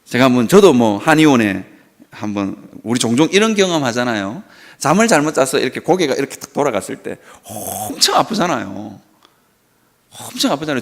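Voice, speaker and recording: A male pastor preaching a sermon at a Friday worship service in a church. He tells stories with animation and asks rhetorical questions. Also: medium pitch.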